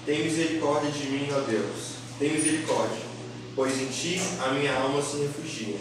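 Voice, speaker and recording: A man from the congregation reading a psalm aloud in a halting way. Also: a little high, background noise. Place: church hall. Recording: far from mic, echoey church with people.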